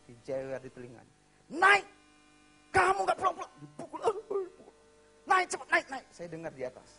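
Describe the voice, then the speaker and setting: A man's voice: medium pitch, slight background noise. A man preaching in a church, telling a story in a casual way with dramatic acted voices. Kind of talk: storytelling sermon.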